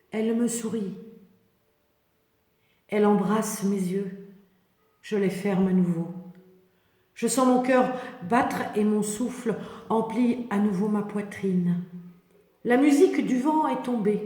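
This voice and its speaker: A woman reading a scripted, poetic biblical meditation in the first person, in a contemplative, measured manner. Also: medium pitch, dark tone. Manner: slow, poetic, contemplative delivery with measured phrases. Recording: echoey hall with long reverb.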